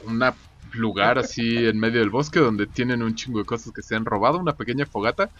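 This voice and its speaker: Mexican man, mid-pitched, crude slangy storyteller; muffled lo-fi audio, faint music. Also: quick pace, fairly bright tone. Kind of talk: casual chat, retelling a film.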